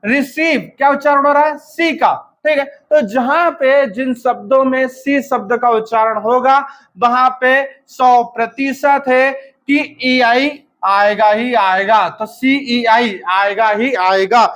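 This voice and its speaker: Brief: man, has a cold, high voice, exam-prep teacher spelling words out and quizzing himself. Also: takes it slowly, fairly bright tone. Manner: drilling by asking and answering his own questions, spelling letter by letter.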